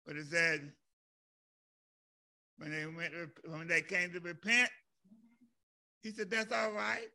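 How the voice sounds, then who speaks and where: A man preaching a sermon with passion, dwelling on words and rising to shouts. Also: a little high. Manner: impassioned, builds to shouts and drawn-out emphasis.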